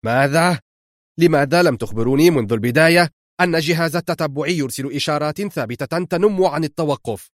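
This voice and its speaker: A man reading an audiobook, voicing an agitated army general who shouts urgent orders. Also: fairly low pitch, steady tone, normal speed, no echo, clean studio sound, natural voice. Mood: furious.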